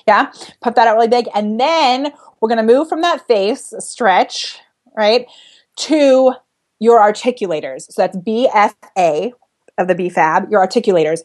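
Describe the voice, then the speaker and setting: A woman coaching speaking skills in a casual chat. She talks fast, laughs often and has a slight lisp. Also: on the high side, a little mellow. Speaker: vocal coach.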